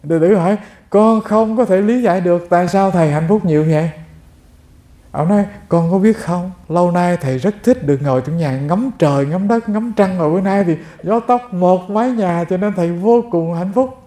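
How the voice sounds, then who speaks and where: Here a monk gives a sermon on the Dharma, speaking straight to the audience and weaving in stories. The man's voice sits high and warm, moving at a moderate pace in a roomy space.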